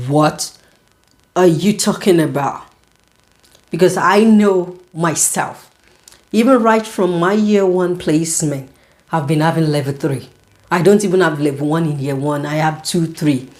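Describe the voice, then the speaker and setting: A young woman, a student nurse, telling a story in a casual vlog, animated and indignant, with lots of "you know". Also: lowish voice. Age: young adult.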